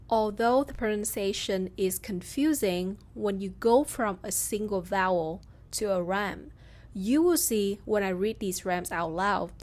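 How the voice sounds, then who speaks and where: Slow, careful woman teaching pronunciation. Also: mid-range voice. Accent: Southern Vietnamese. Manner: slow, careful, reads sounds out one by one. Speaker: language teacher. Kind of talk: scripted pronunciation lesson.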